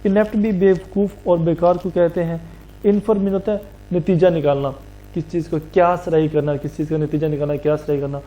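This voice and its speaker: A man's voice: on the high side, steady tone, dark tone, highs cut off. A man teaching a vocabulary lesson, explaining each word step by step and answering his own questions.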